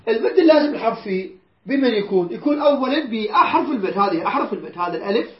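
A woman's voice: on the high side, animated, racing. A woman with an Iraqi accent teaching a Quran class, patiently repeating words and quizzing her students. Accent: Iraqi Arabic. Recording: roomy dull lo-fi recording.

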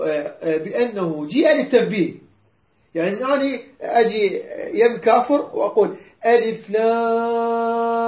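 A woman with an Iraqi accent teaching a Quran class, patiently repeating words and quizzing her students. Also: medium pitch. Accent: Iraqi Arabic. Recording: roomy dull lo-fi recording.

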